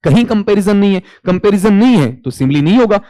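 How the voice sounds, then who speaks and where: A man's voice: sits high, animated, brisk, warm tone, no echo. A male English teacher with a Hindi accent, explaining an exam question and quizzing students, answering his own questions and calling them "beta". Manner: calls students 'beta'. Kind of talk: exam-prep lecture.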